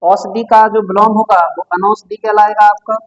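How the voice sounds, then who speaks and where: Male tutor, high-pitched, drilling students with repeated questions; muffled lo-fi recording. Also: level tone, moderate pace. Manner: quizzing the listener with repeated questions. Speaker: teacher. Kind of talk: exam-prep Hindi vocabulary lesson. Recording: dull lo-fi sound.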